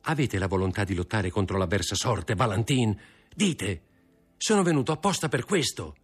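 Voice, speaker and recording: A man voicing a proud young man in an audiobook reading, grave, measured and bitter. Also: fairly low pitch, expressive, slightly rough, soft background music, voice pushed up. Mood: urgent.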